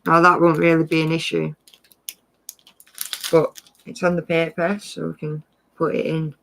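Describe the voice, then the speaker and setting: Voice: mid-range voice, level tone, unhurried, creaky, fairly bright tone, low-quality recording. A craft live-streamer giving a casual tutorial, chatty and rambling, often correcting themselves while handing out friendly practical tips.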